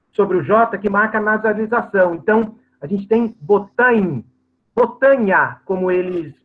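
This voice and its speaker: A man lecturing over a video call, explaining patiently with many hesitations and fillers. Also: high-pitched. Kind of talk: academic lecture. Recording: tinny phone-like video call audio.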